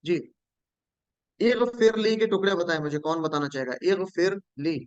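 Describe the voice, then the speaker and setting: A man's voice: high-pitched, normal speed, smooth, no room sound, muffled recording. A man teaching a Quranic Arabic lesson, patiently repeating each word and quizzing his students.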